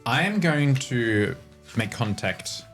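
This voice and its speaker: A man's voice: mid-range voice, expressive, slow pace, a bit bright. A man chatting casually as a player in a tabletop role-playing game, describing what he will do. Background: music.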